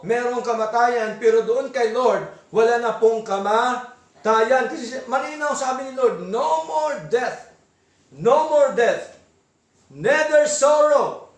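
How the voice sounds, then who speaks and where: A man with a Filipino accent preaching a sermon in a church, asking the congregation for assent and reading verses slowly. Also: extremely high pitch, echoey room, far from the mic. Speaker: pastor. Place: church hall.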